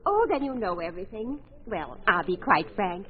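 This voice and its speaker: An actress playing a flustered, genteel society wife in 1940s radio drama, halting and melodramatic. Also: female voice, medium pitch, big pitch swings, lightly acted. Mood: confessing. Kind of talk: 1940s radio comedy-mystery acting. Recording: tinny, noisy old radio recording.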